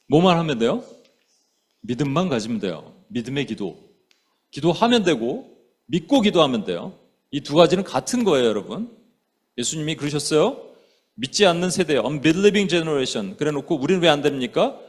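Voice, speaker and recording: Storytelling Korean pastor preaching a sermon. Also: male voice, fairly high pitch. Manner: storytelling, acting out quoted lines, addressing congregation as 여러분; mixes in English words.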